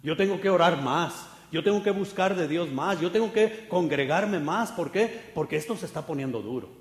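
A man preaching a fervent sermon, swinging from loud exhortation to quiet asides, in an echoey church hall. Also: fairly high pitch, animated, moderate pace. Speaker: pastor.

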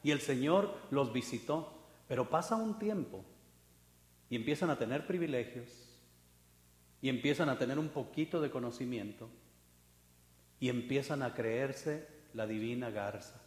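A pastor preaching a sermon, moving from hushed to loud and emphatic, now and then mocking proud people in put-on voices. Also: male voice, mid-range voice, measured pace, pauses often. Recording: echoey hall with long reverb.

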